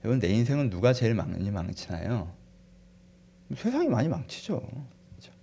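A man preaching a sermon, asking the congregation questions and swinging from loud fervent peaks to quiet, soft passages. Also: mid-range voice, huge pitch swings, moderate pace, gravelly, breathy edge. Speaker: pastor.

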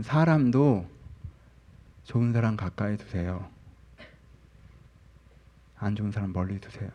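A pastor in his thirties, with a lowish voice, delivers a candid sermon in a conversational style. He tells personal stories, sinking into soft murmurs before building back up to animated emphasis.

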